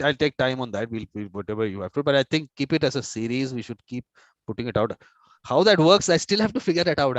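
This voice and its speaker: A man's voice: mid-range voice, dry recording. Talkative man on a dull call. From India. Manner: talkative, repeats words while planning aloud. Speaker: host and mediator. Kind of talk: informal video-call conversation. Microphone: video call.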